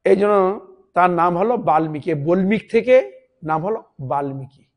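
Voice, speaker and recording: Male monk preacher with a very high voice, delivering a devotional sermon and checking in with listeners through rhetorical questions. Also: lively intonation, moderate pace. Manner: drops into a lower, softer voice at the ends of points; chants words over and over as a demonstration.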